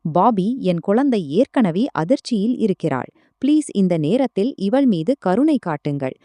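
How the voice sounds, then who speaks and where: A woman voicing a gentle, worried mother who soothes and pleads, in a storybook reading. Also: medium pitch, very animated, moderate pace, no echo, natural voice. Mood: pleading.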